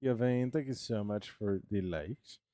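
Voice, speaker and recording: With no room sound, a lowish, dark male voice speaks at a measured pace. He's in his thirties, streaming a building game and chatting to viewers and himself, humming filler syllables and repeating words while he works.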